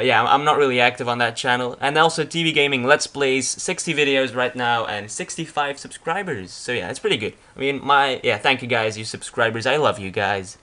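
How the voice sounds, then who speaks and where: A young Belgian YouTuber whose first language is Dutch rambles casually in English, with a Flemish accent, through a slideshow about himself. His mid-range voice is bright and forceful, and his vlog narration is full of restarts and fillers.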